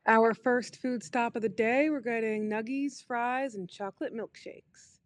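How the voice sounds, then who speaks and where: A young East Coast American vlogger narrates a casual road-trip travel vlog from inside a car, chatty and upbeat with lots of "like." Her voice is a little high and unhurried, with slight background noise.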